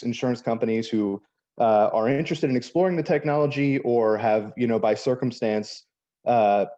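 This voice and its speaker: A man from Miami, an attorney, giving a quick, explanatory conference presentation with many filler words. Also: medium pitch, warm tone, dull audio. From Miami, Florida. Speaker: attorney, panel speaker.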